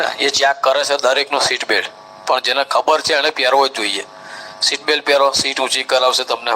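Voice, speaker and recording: Bright-voiced Gujarati man giving instructions. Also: medium pitch, a little hiss or hum, rough recording. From India. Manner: instructive, step-by-step, mimics crowds. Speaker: Hajj trainer. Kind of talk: live training talk.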